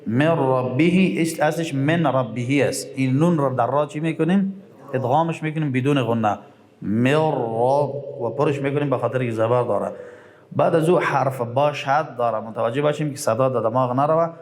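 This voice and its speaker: A middle-aged man with an Afghan Dari accent teaching a Quran recitation lesson. He quizzes his listeners, answers his own questions, and draws out recited words slowly. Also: mid-range voice, darkish tone.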